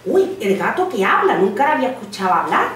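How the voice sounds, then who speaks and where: Poor, worried young miller's son, voiced by a woman, low and fretful, lively delivery, echoey distant recording. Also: fast talker, slight background noise. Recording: echoey room, mic far off.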